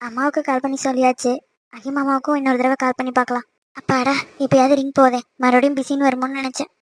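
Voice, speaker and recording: A woman voicing a frightened, tearful young woman in an amateur cartoon, talking softly and pleadingly. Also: high voice, little pitch movement, quick pace, close to an everyday voice. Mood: worried. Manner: soft, anxious, pleading.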